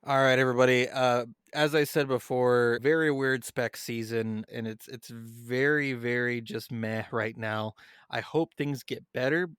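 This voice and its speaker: A man's voice: medium pitch, steady tone, a little slow, fairly bright tone, clean tone, no room sound, clean studio sound. A man co-hosting a podcast in a casual chat, reading background notes aloud and then chatting loosely. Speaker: podcast co-host.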